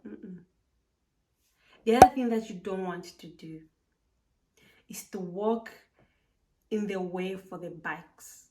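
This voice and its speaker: A woman's voice: on the low side, takes it slowly, long pauses, distant mic, very noisy. A woman from Zambia, giving chatty advice in a casual vlog and filling her talk with "like". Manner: chatty, frequent "like" fillers, emphatic. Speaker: vlogger living abroad.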